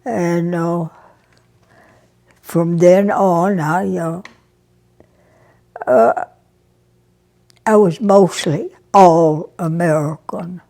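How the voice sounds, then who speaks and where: Very old lady, slow and soft, mellow lowish voice, lots of uhs. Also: steady tone. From Brazil. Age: over 100. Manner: halting, soft, pauses with many fillers. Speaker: interviewee, army nurse veteran. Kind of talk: interview reminiscence.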